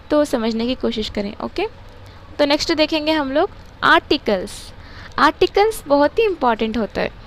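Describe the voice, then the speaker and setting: Woman, English grammar teacher, high voice, unhurried, faint hiss behind. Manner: reads examples slowly, then explains with frequent self-corrections. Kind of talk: grammar lesson explanation.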